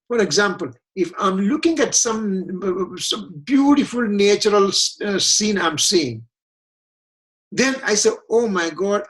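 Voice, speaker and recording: A man teaching a religious scripture class, explaining slowly with frequent restarts and hesitations. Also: sits high, a bit bright, low-quality recording. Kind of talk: religious lecture.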